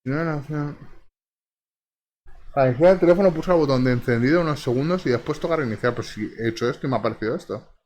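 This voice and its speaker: A man's voice: medium pitch, quick pace, a little mellow. A young man with an accent from Spain, commenting on a game in a rambling, chatty, easily flustered way. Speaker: gaming streamer. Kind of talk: casual live commentary. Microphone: close desk mic.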